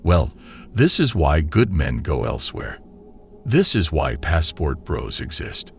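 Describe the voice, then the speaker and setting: A man delivering scripted commentary voice-over in a measured, lecturing manner. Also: extremely low pitch, big pitch swings, gravelly, soft background music. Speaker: commentary narrator.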